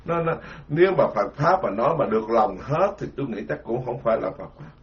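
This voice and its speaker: A Buddhist monk gives a loose, rambling dharma talk in a brisk, mid-range male voice, poking fun at himself and telling lively stories full of quoted voices. The recording is dull and lo-fi.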